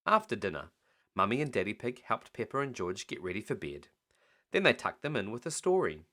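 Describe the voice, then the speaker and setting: A man's unhurried, expressive bedtime reading of a picture book, marked by lively swings in pitch.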